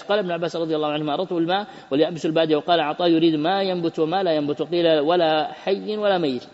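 A man's voice: a little high, a little mellow. A man reading a classical Quran commentary aloud at speed, stumbling and repeating words as he goes. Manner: rapid reading with self-corrections and repeated words. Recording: dull lo-fi audio with long reverb.

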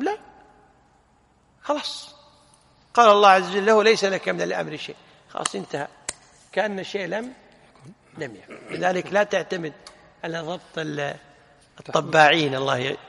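A man teaches a religious text and throws rhetorical questions at his listeners. His voice sits high and carries a gravelly edge, and it comes across bright and forceful. A long reverb trails each phrase, as in a large hall. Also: brisk, pauses often. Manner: animated, rhetorical questions, corrects the reader. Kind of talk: explaining a religious text in a lesson.

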